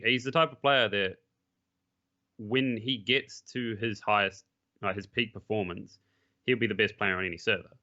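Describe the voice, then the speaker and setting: A pro esports player guests on a podcast, talking casually and bluntly in a low voice that sounds pushed and bright. He often restarts his sentences and swears now and then, and the lo-fi mic is muffled.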